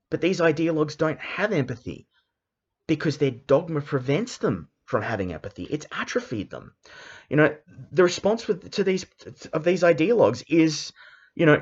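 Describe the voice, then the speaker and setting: A man with an Australian accent, speaking in an intense, emphatic monologue full of halting restarts. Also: mid-range voice. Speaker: commentary vlogger. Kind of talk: unscripted ranting monologue. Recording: dull lo-fi recording.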